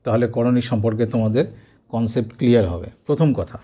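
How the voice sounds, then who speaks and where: Guy teaching maths, slow step by step, warm dark voice, close mic. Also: mid-range voice. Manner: slow, step-by-step explaining with repetitions. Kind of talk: explaining a maths lesson to students.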